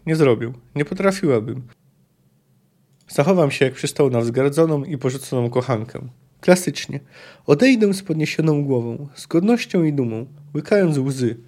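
A man's voice: on the high side, darkish tone. A man reading the lines of a proud, scorned sorceress in her prime from a fantasy novel, in his own voice, bitter and pleading.

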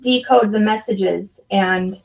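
A woman's voice: mid-range voice, slow pace, gravelly, poor audio. A woman explaining things in casual conversation.

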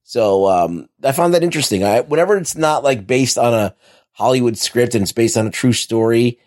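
A man's voice: mid-range voice, a little fast, darkish tone. A man with an American accent, co-hosting a podcast and rambling casually through a movie review. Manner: rambling, laid-back, profane. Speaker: podcast co-host. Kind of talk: casual chat.

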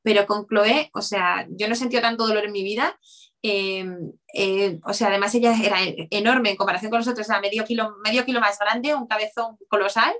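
A woman's voice: medium pitch, fairly even intonation, fairly bright tone. A woman, telling a personal story in conversation as an interview guest, rambling with many restarts. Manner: rapid, rambling, full of "o sea" restarts.

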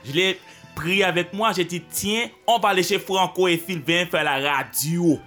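A man's voice: high-pitched, normal speed, bright, forceful tone, faint music behind. A man on a radio panel clowning in a put-on Creole accent, sing-song and playful. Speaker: regular panelist.

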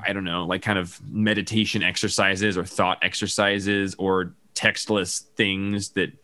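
A man's voice: low voice, flat delivery, measured pace, pushed and bright, no echo. A man hosting a casual comic book podcast, thinking aloud and rambling with many fillers. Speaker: podcast host.

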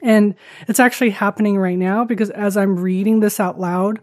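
A woman's voice: medium pitch, steady tone, moderate pace, no echo, clean studio sound. A woman from Taiwan, speaking candidly and a little hesitantly as an interview guest, with a self-deprecating touch. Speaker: podcast guest.

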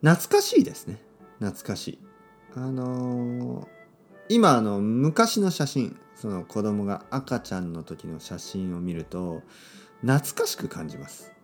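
A man hosting a podcast for Japanese learners, speaking simply with lots of repetition and a playful, expressive delivery. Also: unhurried, faint music behind. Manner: clear, simple phrasing for learners with repeated words; expressive and playful, with sudden pitch jumps. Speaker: podcast host and Japanese teacher.

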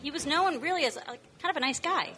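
A woman's voice: high-pitched, brisk. A woman hosting a casual political news podcast, chatty, leading the talk with plenty of ums and restarts. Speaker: podcast host.

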